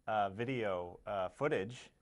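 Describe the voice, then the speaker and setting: A man with a fairly low voice speaks as an interview guest. He explains details in a halting, measured way, breaking his sentences into short pieces. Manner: halting, measured delivery with many pauses. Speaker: interview guest from a conservation group. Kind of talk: informational interview talk.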